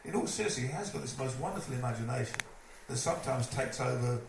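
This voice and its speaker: A man telling a lively stage anecdote, putting on other people's voices as he goes. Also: mid-range voice, quick pace, vocal fry. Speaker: storyteller at a live evening event. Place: live event venue, indoors. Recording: echoey room, distant mic, noisy.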